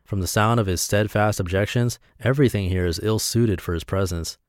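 A man from Montana, reading his reflective essays aloud in a measured, deliberate way. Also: on the low side, no room sound, clean studio sound. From Montana, USA.

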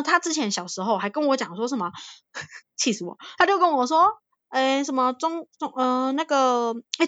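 A woman from Thailand tells stories on a podcast in casual, animated chat and laughs often. Her voice sits fairly high and is recorded close and dry. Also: no echo. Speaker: podcast co-host.

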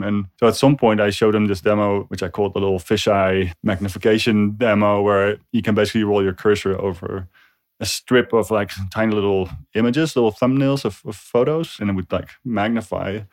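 Speaking fairly quickly in a fairly low, darkish voice with a steady tone, a designer recalls earlier projects during an interview. His telling is relaxed and loosely worded, and he frequently acts out what people said.

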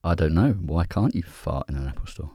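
A podcast host with a low-pitched voice that swings widely up and down as he talks, especially when he laughs. He is dry and self-deprecating, trading banter with his guests. The sound is close and dry, with no room in it. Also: animated, fairly quick, warm tone, breathy edge, no echo.

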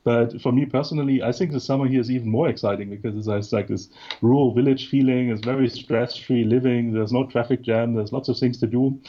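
Man from munich, casual interview guest, relaxed rambling talk, muffled lo-fi sound. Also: mid-range voice, brisk. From Munich, Germany. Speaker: co-working space founder, guest.

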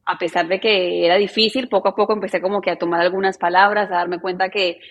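A woman in her thirties from Colombia, with a softened Colombian accent blended with neutral Spanish, chatting easily as a journalist guest in an interview. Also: medium pitch, fairly even intonation, quick pace. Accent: softened Colombian, mixed with neutral Spanish. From Medellín, Colombia. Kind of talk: casual interview chat.

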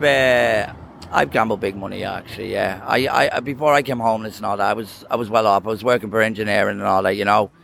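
A man's voice: on the low side, gravelly, fairly bright tone, a little hiss or hum. A man with a west of Ireland accent talking candidly in an interview, repeating himself and often adding tag questions. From Galway, west of Ireland. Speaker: street interviewee.

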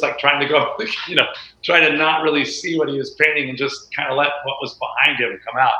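A man's voice: medium pitch, sharp tone. A man guesting in an interview, reflective and storytelling, often saying "you know". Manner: reflective, storytelling, with frequent filler phrases. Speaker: guest, guitarist and teacher. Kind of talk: casual interview chat. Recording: roomy, dull lo-fi sound.

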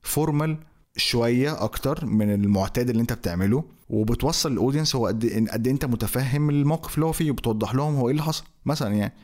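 A man's voice: medium pitch, very fast, darkish tone. A young man with an Egyptian Arabic accent teaching marketing in a conversational way, asking himself questions as he goes. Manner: conversational, explains with rhetorical questions. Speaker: marketing instructor. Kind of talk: educational talk to camera.

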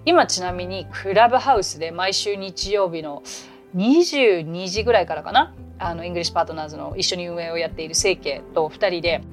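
A woman who teaches English, talking in a chatty, animated way as she hosts a casual podcast lesson, with quick asides. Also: lowish voice, soft background music.

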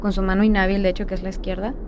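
A woman with a Mexican accent recounting a personal ghost story, speaking softly and often trailing off into a quiet voice. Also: medium pitch, flat delivery, very fast, noisy background. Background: music.

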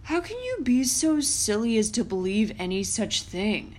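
A woman plays a huge, gruff storybook giant. He blusters loudly and draws his words out slowly, exclaiming as he scolds and confides. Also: on the high side, big pitch swings. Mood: scolding.

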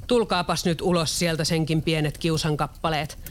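Storybook villain: a sly taunting wolf, read by the narrator, unhurried threats. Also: medium pitch, fairly even intonation, a little hiss or hum, close to an everyday voice. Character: sly boastful big bad wolf.

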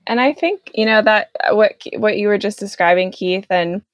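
A woman's voice: mid-range voice, normal speed, dry recording, highs cut off. A woman explaining her views in a casual, conversational way, often hedging as she goes.

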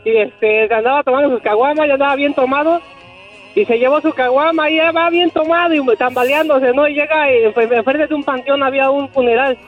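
A man with a very high voice rambling through a long joke, filling the gaps as he goes. Light music sits behind him. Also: steady tone, fairly quick, phone-quality sound. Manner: rambling storyteller. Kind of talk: telling a joke.

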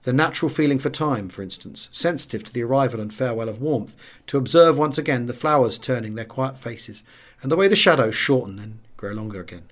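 This is a scripted audiobook of a wartime memoir, narrated by a man whose voice sits in the middle range. He paces himself carefully and speaks with expression, often letting his lines trail off softly.

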